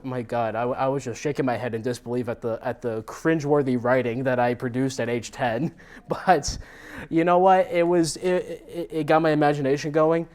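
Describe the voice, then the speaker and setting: Telling stories about his own life to a meetup audience, a guest speaker from New Jersey, United States, keeps things informal and animated, often poking fun at himself. He's an American man whose voice has medium pitch and a somewhat dark tone.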